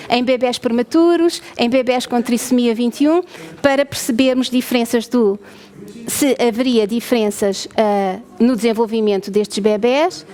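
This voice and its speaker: Researcher, female, European Portuguese accent; high-pitched, explains patiently to visitors and keeps asking "ok?". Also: darkish tone. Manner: asks the audience questions, checks with "ok?". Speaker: researcher presenting a lab.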